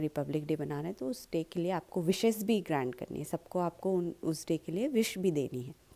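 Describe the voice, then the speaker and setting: A woman with an Indian accent, explaining in a tutorial lesson and slowly stressing sample lines. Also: fairly low pitch, mellow. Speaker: public speaking teacher.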